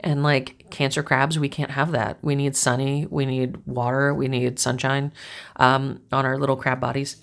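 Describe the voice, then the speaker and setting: Woman, low voice, casual tarot reader, reassuring, repeats herself; talks straight to her viewers. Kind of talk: casual tarot reading monologue.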